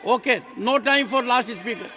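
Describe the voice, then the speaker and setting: A man presides over a parliamentary debate, cutting in with brisk, curt time calls. His voice sounds high and distant, with a long reverb and members murmuring in the chamber behind him. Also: bright, forceful tone, a faint crowd. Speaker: presiding officer. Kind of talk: chairing a debate.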